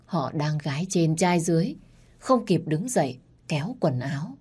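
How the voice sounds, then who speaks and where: A woman narrating a dramatic story, reading every part herself and rising loud and high in the quarrels. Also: sing-song, normal speed, breathy edge. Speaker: storyteller narrating all parts.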